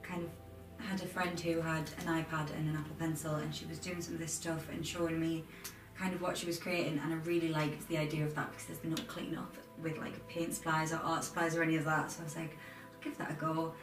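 Casual interview guest: woman, 20s, Durham accent, slightly low voice, roomy distant recording over clear music. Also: little pitch movement, a little fast, hardly any pauses. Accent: Durham, north-east English. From Durham, England. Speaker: interview guest, aspiring film and TV editor.

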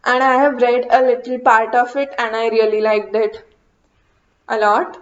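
Young woman podcasting, kinda high voice, slow and halting, dull lo-fi sound. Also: level tone. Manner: hesitant, many fillers and restarts. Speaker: podcast host. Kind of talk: casual solo podcast. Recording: dull lo-fi recording.

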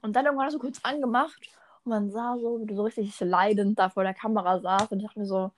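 A woman's voice: medium pitch, fairly even intonation, fast. A teenage girl chatting casually with a friend, acting out little stories and quoted exchanges. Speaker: podcast co-host. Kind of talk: casual chat between friends.

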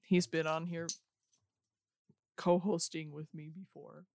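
A woman's voice: deep voice, level tone, slow, darkish tone, a little hiss or hum. A woman hosting a casual podcast, musing aloud in a rambling way, full of "like" and trailing thoughts. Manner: rambling, filler-heavy musing. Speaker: podcast host and streamer. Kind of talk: casual chat.

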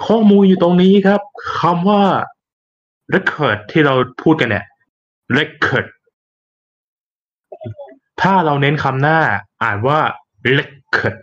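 A man's voice: a little high, lively intonation, quick pace, few pauses, dull audio. Patient male explainer. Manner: clear and patient, spells out the pronunciation. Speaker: explainer giving the answer. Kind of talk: explanatory narration.

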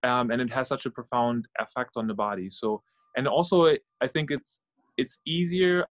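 A middle-aged man from Norway and Germany, a guest on an interview, thinking aloud in a relaxed way with many fillers and soft sighs. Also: medium pitch, normal speed, dry recording. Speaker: guest, startup founder and meditation guide. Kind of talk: casual interview conversation.

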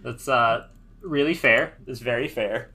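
A man's voice: medium pitch, a little slow, sharp tone, a little hiss or hum. A man co-hosting a podcast in casual chat, laid-back, with hesitant fillers and casual swearing. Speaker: podcast co-host.

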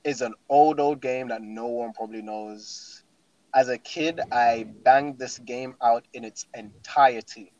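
A man's voice: mid-range voice, a little slow, a little mellow, lo-fi sound. A young man with a London roadman accent and slang, chatting casually and emphatically, often repeating his phrases. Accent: London, urban roadman slang style. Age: young adult. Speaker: guest talking through favourite games. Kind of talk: casual chat.

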